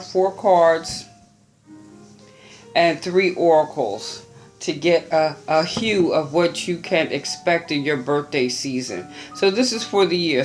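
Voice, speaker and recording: A tarot reader speaks slowly and gently, giving a birthday reading straight to viewers. The delivery muses aloud with small restarts, and soft music plays faintly underneath. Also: medium pitch.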